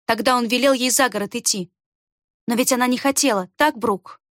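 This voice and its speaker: A woman reading an audiobook voices a young heroine who accuses in a cold, measured way. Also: on the high side, fairly bright tone, no echo, studio quality, lightly acted. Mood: cold accusing. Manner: icy, measured.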